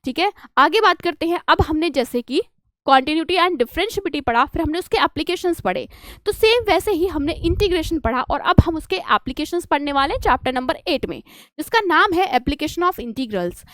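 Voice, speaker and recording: A young woman teacher going through a maths syllabus, calling students "beta" and reading English topic lists slowly and carefully. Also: sits high, expressive, a bit bright, dry recording. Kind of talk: syllabus walkthrough lesson.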